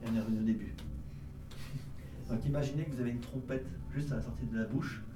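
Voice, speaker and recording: A man's voice: medium pitch, quick pace. A man teaching a group music lesson, explaining harmony patiently, counting beats aloud and singing rhythms in syllables. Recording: roomy sound from a distant mic, with piano.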